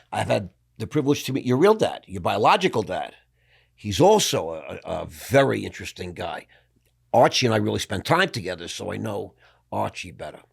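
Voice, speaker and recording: Older guy hosting, low gravelly husky voice, chummy and jumps in a lot. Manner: chummy, interjecting often. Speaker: podcast host. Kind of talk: casual interview talk.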